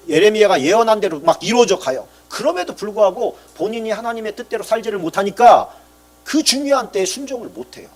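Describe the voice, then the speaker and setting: A male pastor preaching a sermon, asking the congregation questions and acting out short bits of dialogue. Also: fairly high pitch. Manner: lively preaching, rising to loud emphatic peaks and dropping to quiet asides; acts out dialogue in character voices.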